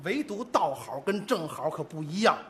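A man performing crosstalk comedy, telling a story with animated delivery. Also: fairly high pitch, moderate pace. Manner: animated storytelling, imitates opera percussion.

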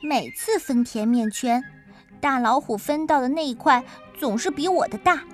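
A woman reading a children's picture book aloud in the first person as a little mouse, in an animated, childlike way. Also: sits high, normal speed, faint music behind. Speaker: storybook narrator speaking as the little mouse. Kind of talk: expressive children's story read-aloud.

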